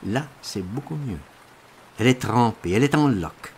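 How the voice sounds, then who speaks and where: A middle-aged man reading a first-person novel aloud, theatrical and impassioned, dropping to a hush and then rising loud. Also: medium pitch, expressive, moderate pace, slightly rough. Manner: impassioned, theatrical, swinging between hushed and loud. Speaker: audiobook reader.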